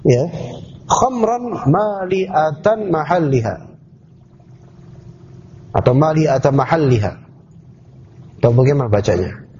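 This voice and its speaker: A man's voice: on the high side, dark tone, slight background noise. A man teaching a classroom lesson on scripture, explaining terms step by step and asking the class questions. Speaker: Islamic teacher. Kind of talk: classroom tafsir lecture. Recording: dull lo-fi class recording.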